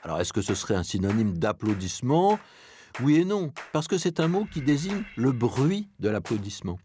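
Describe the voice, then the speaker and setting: A man giving scripted commentary on the origins of a word, with expressive explanatory delivery. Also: mid-range voice, moderate pace, a little hiss or hum. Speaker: language columnist.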